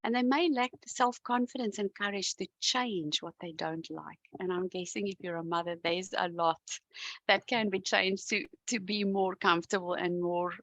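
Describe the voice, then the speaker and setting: Woman host asking questions, mid pitch, dry close mic. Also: steady tone, moderate pace, dry recording, rough recording. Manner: warm, welcoming, structured questions. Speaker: podcast host. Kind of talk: interview hosting.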